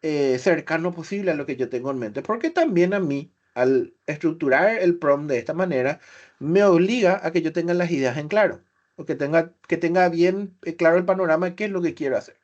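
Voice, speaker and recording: A man presenting a webinar, explaining software step by step with rhetorical questions and filler sounds. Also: on the high side, a little fast. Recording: slightly dull webinar audio.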